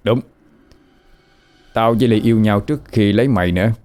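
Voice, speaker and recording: A man's voice: fairly low pitch, a little fast, darkish tone, lightly acted. A man playing a cruel, mocking swindler in a spoken ghost story. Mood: sneering. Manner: sneering, threatening. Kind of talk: audio drama storytelling.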